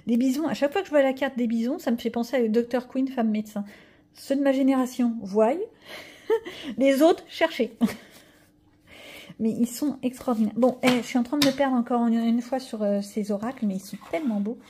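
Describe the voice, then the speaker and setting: Middle-aged woman vlogger, rambling casual chat, slightly high and mellow. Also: fairly even intonation, brisk, husky. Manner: chatty, rambling, with many fillers and restarts. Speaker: coloring channel vlogger. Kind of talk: casual haul vlog chat.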